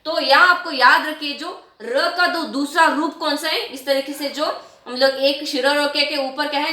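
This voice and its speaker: A woman teacher explaining a writing lesson to children, repeating and stretching out example words slowly. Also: high voice, pushed and bright, echoey room. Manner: repetitive, drawn-out word demonstrations, addresses children often.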